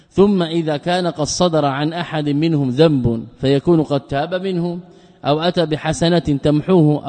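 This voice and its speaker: A man with a fairly high voice gives a religious lesson on a classical text. He reads a quoted passage, then explains it phrase by phrase, going back over the key words. His voice carries a long reverb, as if recorded in a large hall. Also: warm tone. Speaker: Islamic scholar teaching a text.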